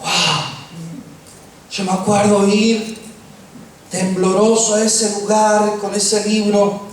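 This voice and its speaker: Argentine pastor guy, high voice, funny stories in his sermon, big echo, faint hiss. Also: flat delivery, a little mellow. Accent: Argentine Spanish. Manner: humorous storytelling, slows for emphasis. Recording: echoey room, distant mic, faint noise.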